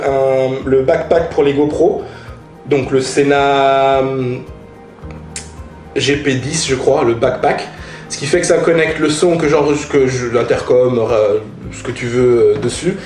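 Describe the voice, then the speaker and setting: The motorcycle vlogger's voice here is mid-range and a little mellow, recorded with a roomy sound. He keeps the product review casual, slangy, and emphatic, repeating himself to drive points home.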